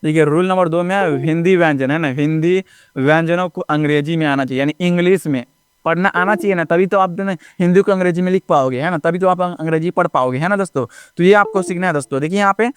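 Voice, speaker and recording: A man with a high-pitched, clean and resonant voice runs a basic lesson. He recites letters slowly and keeps asking his listeners if they follow. The sound is dry and close. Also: clear, resonant tone, no room sound. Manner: repetitive, keeps checking with "ठीक ना?" and addressing viewers as friends. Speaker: teacher. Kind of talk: classroom-style lesson narration.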